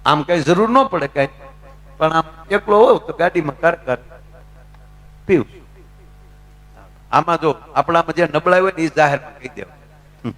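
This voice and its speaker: A man's voice: on the high side, normal speed, pauses often, a bit bright. A middle-aged man with a Gujarati accent, a folk comedian telling chatty anecdotes live on stage and talking to the crowd. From Gujarat, India.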